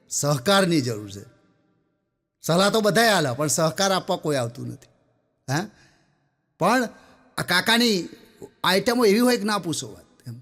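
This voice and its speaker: A man, pitched high for a man, reels off comic jokes one after another. He tells them in a chatty, storytelling way and keeps turning to speak straight to his listeners. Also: fairly bright tone. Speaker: stand-up comedian. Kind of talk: Gujarati folk joke telling.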